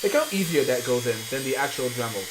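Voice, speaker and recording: A man's mid-range, expressive voice comes through a very noisy recording as he rambles quickly during a casual craft build-along, full of fillers and asides. He's a craft streamer, and faint music sits underneath.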